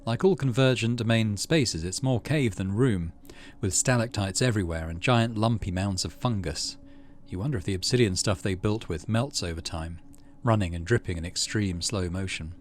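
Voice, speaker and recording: A middle-aged gaming video host narrates a let's play, reading the game's text aloud in a measured, storytelling manner and muttering asides between lines. His voice sits on the low side, with a little hiss or hum in the recording.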